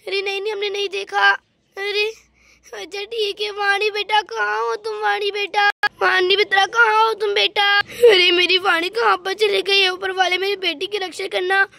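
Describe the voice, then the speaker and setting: A worried mother in a homemade doll story, calling anxiously for her daughter, as a woman voices her. The voice is very high and bright, with a gravelly edge and a dry, close sound. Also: flat delivery, moderate pace, slight background noise, heavily acted.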